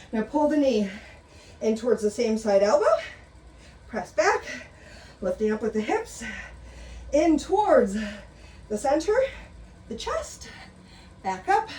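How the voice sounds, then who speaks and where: A middle-aged woman teaches a live exercise class in a room with a chair, chatty and encouraging, out of breath as she talks through the moves. Her fairly high voice is animated but unhurried, with long pauses and a dark tone. The room is echoey, the mic distant, and there's slight background noise.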